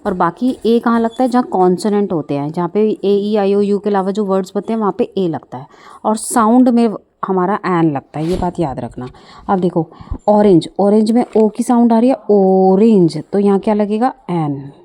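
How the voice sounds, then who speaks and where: A woman's voice: mid-range voice, normal speed, warm tone. A woman teaching English words, explaining step by step and asking the listener questions. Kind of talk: bilingual vocabulary lesson.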